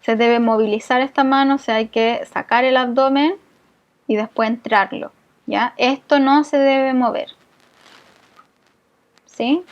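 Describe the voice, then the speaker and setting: A middle-aged woman, teaching a voice-care lesson to a community group. Her voice sits high, and she explains step by step, checking in with her students after almost every point. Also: steady tone, measured pace, long pauses, muffled recording. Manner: patient, explanatory, frequent check-ins with the class. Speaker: voice therapy instructor.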